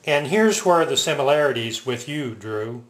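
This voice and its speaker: An older man telling personal stories casually, in a halting, reflective, unscripted way. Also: mid-range voice, animated. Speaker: military veteran reminiscing. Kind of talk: casual personal storytelling to camera. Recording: roomy, echoing home recording.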